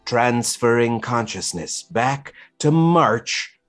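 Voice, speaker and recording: A man's voice: mid-range voice, lively intonation, slow pace, soft background music. A man hosting a podcast, reading a scripted intro and promo in an upbeat way. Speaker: podcast host.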